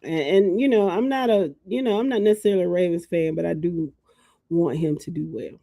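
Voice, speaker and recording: A woman's voice: on the low side, a little fast, warm tone. A woman from Georgia co-hosting a podcast in casual chat, teasing and laughing often. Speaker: podcast co-host.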